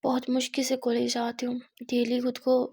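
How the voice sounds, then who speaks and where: A woman voicing a sad, lovesick young female student in a read-aloud love story, speaking quietly in a half whisper. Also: on the high side, monotone, moderate pace, breathy edge. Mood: wistful.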